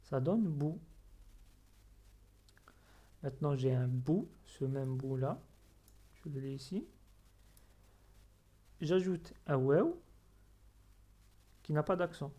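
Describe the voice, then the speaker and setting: A teacher giving a recorded reading lesson, pronouncing each word slowly and clearly twice, then explaining patiently and quietly, with small self-corrections. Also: mid-range voice, expressive.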